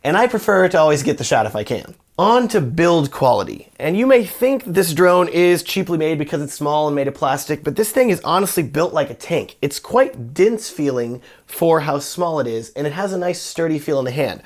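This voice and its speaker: A man with a slightly high voice gives a casual gear review. He sounds enthusiastic and chatty, and he speaks directly to the viewer. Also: expressive, normal speed, few pauses. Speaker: wedding filmmaker reviewing gear.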